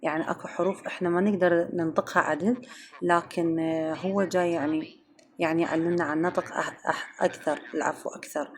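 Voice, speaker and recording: Iraqi woman vlogger, chatty and fast, low voice, kitchen talk to her followers. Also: fairly even intonation. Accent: Iraqi Arabic. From Iraq. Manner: chatty, addresses viewers warmly as girls and sweethearts. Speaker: home cooking vlogger. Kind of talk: casual chat to viewers.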